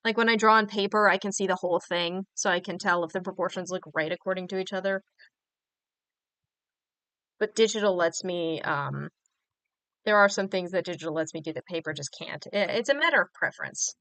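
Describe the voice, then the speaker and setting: Bright, chatty young woman streamer. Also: fairly low pitch, brisk, dry recording. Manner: chatty, rambling, many fillers. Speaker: livestream host. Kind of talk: casual chat while drawing.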